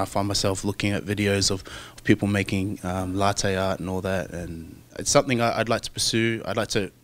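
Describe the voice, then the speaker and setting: In a low voice, a young rugby player with an Australian accent responds to interview questions. He sounds soft, hesitant and reflective, filling his answers with many fillers.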